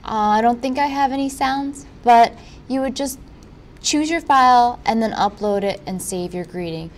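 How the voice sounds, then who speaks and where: A woman presenting a software tutorial in an informal, instructional way. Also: fairly high pitch, normal speed. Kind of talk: software walkthrough narration.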